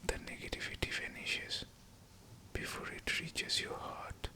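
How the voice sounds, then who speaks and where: A man whispering a scripted pep talk of affirmations, in short, deliberate phrases. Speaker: guided affirmation narrator.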